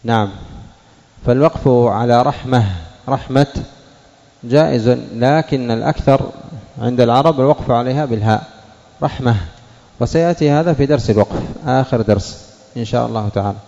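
A man teaching a classroom lesson on word forms, sounding out each example slowly and quizzing students by name. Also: mid-range voice, warm tone. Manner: drills words by saying the base form then the changed form, questions students by name. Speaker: teacher of Arabic morphology and Quran reading. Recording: dull lo-fi classroom recording with long reverb.

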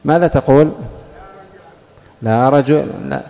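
Man, grammar teacher, mellow tone, drills students with questions, reverberant muffled recording. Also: medium pitch. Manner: questioning students, repeating examples slowly. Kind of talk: classroom grammar lesson. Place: classroom.

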